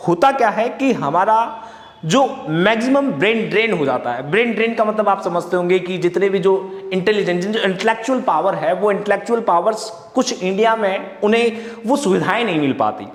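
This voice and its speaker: A man explaining current affairs to exam students, often repeating and correcting himself and mixing in English terms. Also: sits high. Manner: repetitive, self-correcting, mixes English terms. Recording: echoey room with long reverb.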